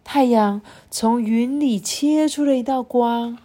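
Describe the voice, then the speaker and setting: A woman with a Taiwanese Mandarin accent reads a picture book aloud to her child at a slow pace, pausing to ask questions and explain the story. Her delivery is expressive, with sweeping pitch for dramatic effect, and she often quizzes the child as she goes. It's storybook reading mixed with chatty commentary.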